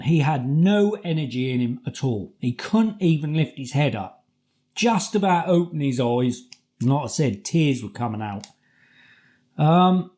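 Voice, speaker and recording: A middle-aged British man telling a personal story casually, in a halting, repetitive, colloquial way. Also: medium pitch, warm tone. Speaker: vlogger.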